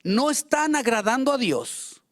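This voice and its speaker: A man's voice: extremely high pitch, very animated, unhurried, a bit bright. A man preaching a fervent sermon as pastor, acting out quoted prayers and complaints.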